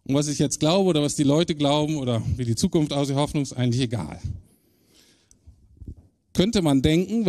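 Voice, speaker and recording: A man preaching a sermon in a conversational way, speeding up and slowing down for emphasis. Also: a little mellow. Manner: conversational preaching, shifting pace and pitch for emphasis. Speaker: pastor.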